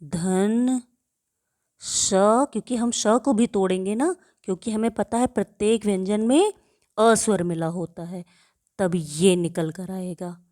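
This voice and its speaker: A woman's voice: mid-range voice, a little mellow. A woman teacher giving a grammar lesson to children, asking questions and answering them herself, and stretching out example words so pupils can hear how they are pronounced. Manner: slow and deliberate, repeats questions and answers to drill pupils.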